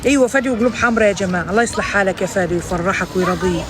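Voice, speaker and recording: A woman's voice: mid-range voice, racing. A woman chatting casually on a family live stream, showering viewers with blessings and prayers. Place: outdoors in a garden with people and traffic around. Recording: outdoor recording with crowd chatter.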